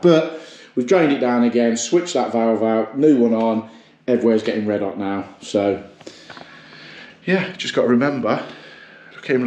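A man's voice: mid-range voice, a little hiss or hum. A man, a plumber chatting and explaining as he works, a little self-mocking. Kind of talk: work vlog narration. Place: living room in a house, indoors.

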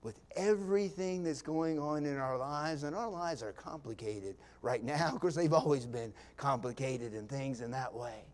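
A male pastor preaching a sermon, dropping to near-whispers and rising to loud, impassioned peaks, with folksy asides and small laughs. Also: medium pitch. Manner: swings from hushed near-whispers to loud impassioned climaxes, drawn-out pauses. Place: church sanctuary.

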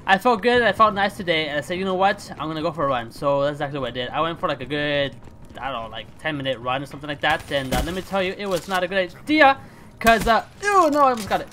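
A young man hosting his gaming channel, chatting casually and reacting out loud as he plays. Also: on the high side, quick pace, slight background noise. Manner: excitable, chatty, swings between hushed focus and loud outbursts. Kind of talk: casual gameplay commentary.

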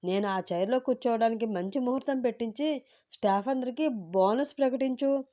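A woman's voice: on the high side, fairly quick, pitched above the performer's own voice, natural voice. A woman voicing an arrogant, spoiled young man in a storybook narration. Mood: cocky. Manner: loud, cocky and bossy.

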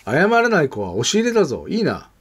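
A man's voice: on the high side, huge pitch swings, fast talker, a little hiss or hum, voice pushed up. A man voicing a strict, stern father in a picture book reading, speaking in a commanding way.

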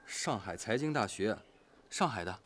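An actor playing a gentle young man talking quietly with his mother. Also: on the low side, expressive, moderate pace, a little hiss or hum. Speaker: son. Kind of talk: TV drama acting.

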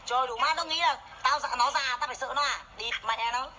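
A woman delivers a furious, scolding rant full of nonstop swearing while livestreaming her makeup on her phone. She has a high-pitched, bright voice with a forceful tone and talks a little fast. The phone camera recording is low quality, with a slight hiss or hum.

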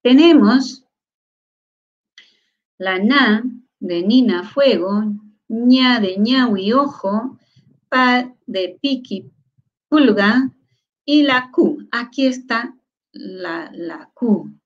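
A woman teaching a lecture on Quechua, sounding out syllables slowly and often stopping to ask whether her listeners follow. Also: a little high, expressive, lo-fi sound. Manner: asks many rhetorical check questions. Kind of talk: online lecture.

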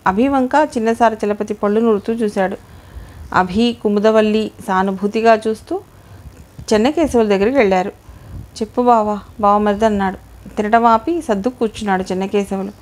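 A woman's voice: mid-range voice, fairly quick. Woman reading an audio novel. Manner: steady storytelling. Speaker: audiobook reader.

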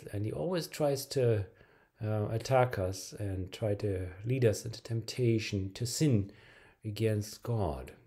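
A middle-aged man preaching to a webcam in a small bright room, his voice low and mellow. He pauses often, filling gaps with ums and restarting phrases as he goes. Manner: hesitant, many filler words and restarts. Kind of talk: video sermon to camera.

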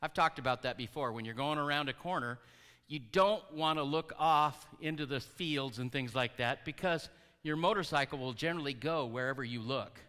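Male pastor, conversational sermon delivery, bright tone, long church reverb. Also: medium pitch, moderate pace, smooth. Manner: conversational, asks the congregation questions. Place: church hall.

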